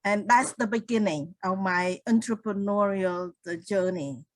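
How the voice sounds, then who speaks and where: An older woman in her sixties with a Cambodian accent answers an interviewer's questions in careful second-language English. She speaks very slowly at a middle pitch and often restarts her sentences. The recording is dry and close, with no room sound. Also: no room sound, poor audio. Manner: unhurried, with restarts and non-native grammar. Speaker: guest, speaker and author.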